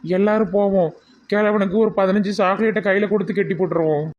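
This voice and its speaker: A woman's voice: medium pitch, fairly even intonation, fast talker, a little mellow, dull audio, a little hiss or hum, lightly acted. A woman playing a blunt, meddling middle-aged aunt in a comedy skit, with a Tirunelveli Tamil accent and a blunt, advising manner. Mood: chatty. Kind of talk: amateur comedy skit acting.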